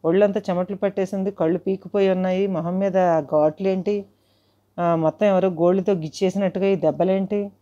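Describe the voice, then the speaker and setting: A woman voicing a worried gentle uncle. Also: fairly low pitch, steady tone, a little fast, dull audio, natural voice. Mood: concerned. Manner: concerned, coaxing.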